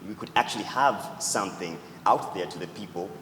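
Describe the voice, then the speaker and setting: Man, very low voice, earnest pitch answers, echoey hall, loud room ambience. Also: a little fast, slight background noise. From Tanzania. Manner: earnest, repeats "actually" often. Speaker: startup founder answering judges. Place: event hall.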